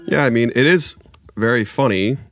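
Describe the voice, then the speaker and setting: A man's voice: medium pitch, moderate pace, fairly bright tone. A man co-hosting a music podcast in a laid-back, hesitant way. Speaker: podcast co-host. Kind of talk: casual music podcast chat.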